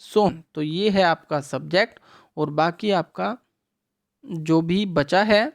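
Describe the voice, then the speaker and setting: A woman teaching a revision English lesson to schoolchildren, asking questions and answering them herself, reading English lines out slowly, mixing Hindi with English words. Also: fairly low pitch, vocal fry. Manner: reads English sentences out slowly.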